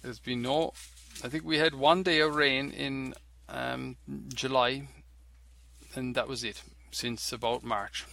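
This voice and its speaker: Chatty man, bright voice. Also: medium pitch, fairly even intonation, takes it slowly, gravelly. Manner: rambling, full of "you know" and "like". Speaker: video maker. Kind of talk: casual chat on a call.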